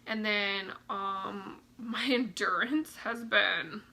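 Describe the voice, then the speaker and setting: Young woman, casual vlog, out of breath, many fillers, bright voice, vocal fry. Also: medium pitch, steady tone, extremely slow, poor audio. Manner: chatty, full of fillers like "like" and "um". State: a little out of breath. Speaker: vlogger. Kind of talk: casual pregnancy update vlog.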